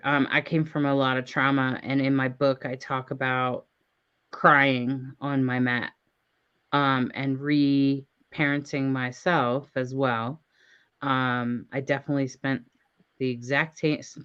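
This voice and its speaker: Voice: medium pitch, a bit bright, clear, resonant tone, lo-fi sound. An interview host asking questions and reflecting on their own experience in casual conversation.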